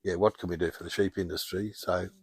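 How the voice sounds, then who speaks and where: Low husky older Australian man. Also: fairly even intonation, fast, no echo. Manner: chatty, anecdotal, wry. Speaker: podcast guest. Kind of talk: casual interview storytelling.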